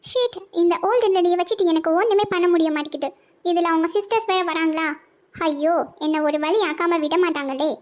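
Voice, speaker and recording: A woman voicing a sulky, sharp-tongued young wife in a cartoon, with a whiny, sassy delivery. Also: very high-pitched, fairly quick. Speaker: cartoon voice artist. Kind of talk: cartoon voice acting.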